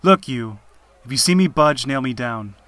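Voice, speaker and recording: A man voicing a proud, defiant deposed Byzantine nobleman, declaiming loudly. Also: medium pitch, expressive, moderate pace, dry recording, lightly acted.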